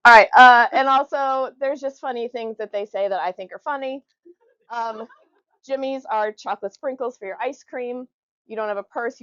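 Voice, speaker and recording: A woman's voice: fairly high pitch, a bit bright, no echo, muffled recording. A woman giving an informal, jokey explanatory talk to a group, conversationally demonstrating how words are pronounced. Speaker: presenter.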